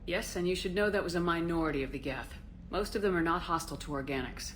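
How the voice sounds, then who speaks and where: Female military commander, played by an actress, game: very low register, confident, direct, faint noise behind. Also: quick pace, lightly acted. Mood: firm, persuasive. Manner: direct, assured. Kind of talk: scripted game dialogue.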